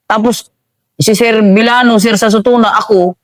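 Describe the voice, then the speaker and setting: Speaking in a high, steady voice with no room sound, a former soldier tells of combat during a relaxed interview. He halts frequently and keeps saying "sir" to the host.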